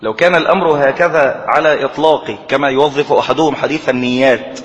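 A man's voice: mid-range voice, quick pace, dull audio. A man with an Egyptian Arabic accent giving a religious lesson on reciting the call to prayer, explaining patiently and sometimes slipping into chanted examples. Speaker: religious teacher. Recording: long hall reverb.

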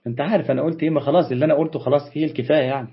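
Egyptian guy hosting a live q&a stream, rattles off answers to viewer comments, husky voice, dull lo-fi audio. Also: a little high, fairly even intonation. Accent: Egyptian Arabic. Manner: brisk, reads out and answers viewer comments, quick dismissive retorts. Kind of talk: casual live Q&A on religion and history.

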